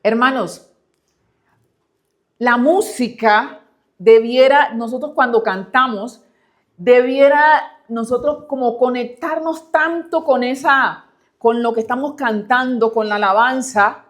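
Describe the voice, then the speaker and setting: A woman's voice: on the high side, takes it slowly. A woman giving a church teaching talk, chatty and laughing often as she speaks to the congregation.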